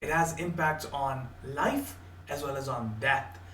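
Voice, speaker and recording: A man's voice: on the high side, unhurried, a bit bright. Man moderating a panel from a roomy room. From Canada. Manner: polished, quotes proverbs. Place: home office in Ontario. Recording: roomy distant mic, faint hum.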